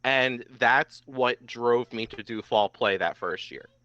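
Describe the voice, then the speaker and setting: A man's voice: medium pitch, slow, sharp tone, no echo. A young man, a podcast guest, reminiscing casually and filling his talk with "like". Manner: reminiscing, lots of "like" fillers. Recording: dry, slightly dull podcast mic.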